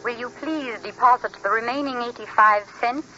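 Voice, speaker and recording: A woman playing a brisk, impersonal long-distance telephone operator in a 1940s radio drama, formal and procedural. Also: a little high, close to an everyday voice. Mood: impersonal, businesslike. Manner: formal, clipped, singsong procedural delivery. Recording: muffled, noisy old radio recording.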